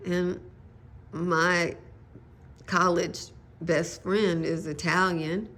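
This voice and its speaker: A woman's voice: fairly low pitch, little pitch movement, drawn-out words, a bit bright. An older woman chatting casually about her garden seeds in a folksy way, with religious asides. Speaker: gardening vlogger. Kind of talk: casual chat.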